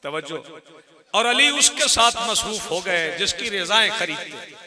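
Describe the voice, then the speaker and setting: A man with a Pakistani Urdu accent preaching a sermon at a mourning gathering, rising to shouts that urge the crowd to respond. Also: sits high, lively intonation, a little slow. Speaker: Shia religious speaker addressing a gathering.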